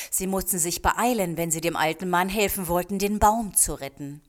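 A woman reads a storybook aloud at an unhurried pace, calm and measured. Her voice sits on the lower side. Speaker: narrator. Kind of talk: storybook reading.

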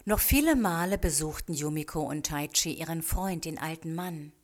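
A woman narrating a storybook in a calm, measured way. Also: sits low. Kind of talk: storybook reading.

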